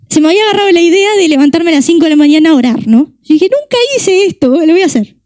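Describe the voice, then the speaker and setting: A woman's voice: sits high, warm tone, no echo. A young woman preaching a sermon with a Rioplatense Spanish accent, impassioned and driving home her points with repeated rhetorical questions.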